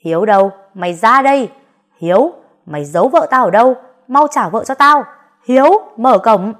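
A woman's voice: mid-range voice, normal speed, mellow, slightly rough, natural voice. A woman voicing a hot-tempered, lovesick young master who barks commands and threats. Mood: furious shouting.

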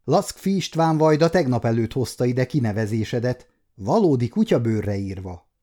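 A man in his fifties voicing an excitable, quick-tempered young male nobleman who raises his voice when stirred. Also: medium pitch, lightly acted. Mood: earnest. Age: 50s.

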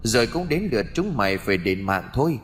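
A man voicing a bitter, vengeful female ghost who speaks slowly in a moaning, accusing way. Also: medium pitch, sing-song, soft background music, close to an everyday voice.

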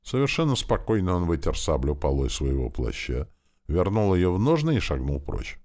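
A man narrating a dramatic story in an audiobook, with steady, expressive storytelling. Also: low-pitched, normal speed.

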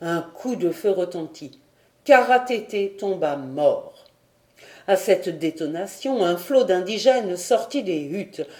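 A woman reading a classic adventure novel aloud as an audiobook, steady and expressive. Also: on the low side, takes it slowly. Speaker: audiobook reader.

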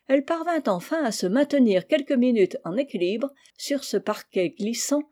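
A woman reading a children's novel aloud in a gentle, even storybook style, lightly voicing the characters' lines. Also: medium pitch. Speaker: audiobook reader. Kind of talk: storybook narration.

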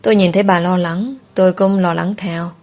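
A woman narrating a first-person story in a slow, soft, somber way. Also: on the low side, steady tone.

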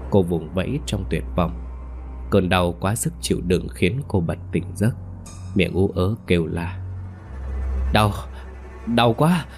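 A man tells a scripted horror story. He paces it in a measured, ominous way over faint background music. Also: sits low.

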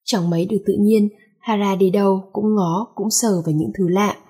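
A woman reading a romance story aloud in a steady, even narrating voice. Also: medium pitch, moderate pace, slightly rough.

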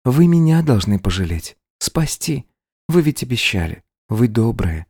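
A man's voice: very animated, measured pace, slightly rough, no echo, clean studio sound. A man doing a coaxing, scheming young wife. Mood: pleading. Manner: coaxing, insistent, soft high voice.

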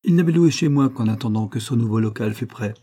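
A man's voice: medium pitch, fast, dark tone, natural voice. A man reading an audiobook, voicing an indignant middle-aged red-haired pawnbroker telling his story. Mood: aggrieved.

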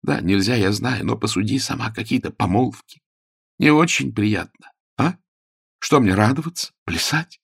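A gloomy, sardonic young man with a very low voice, as a man puts him on. He talks in a dry, bitter and sulky way. The sound is close and dry. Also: animated, moderate pace, creaky, husky, no echo, heavily acted.

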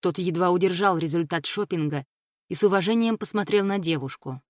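A woman narrating an adventure audiobook in a steady, even storytelling read. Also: fairly low pitch, a little fast, no room sound, studio quality.

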